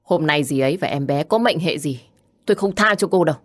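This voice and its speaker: A woman's voice: sits low, expressive, a little fast, no echo, clean studio sound. A woman voicing an angry threatening young man.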